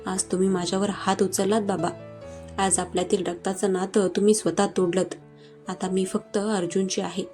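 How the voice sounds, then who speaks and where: A woman's voice: mid-range voice, little pitch movement, normal speed, warm tone, faint music behind, natural voice. A woman voicing a fierce, defiant young woman in a read-aloud romance story, with a cutting delivery.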